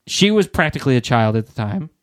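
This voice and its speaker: A man's voice: mid-range voice, very animated, fast. A man co-hosting a podcast, blunt and dismissive in a casual debate chat, swearing freely. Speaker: podcast co-host.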